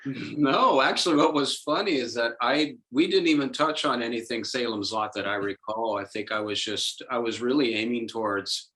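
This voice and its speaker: A man's voice: mid-range voice, normal speed, sharp tone, poor audio. A man talking as a guest in a casual podcast chat, telling a story and acting out his own thoughts in quoted asides.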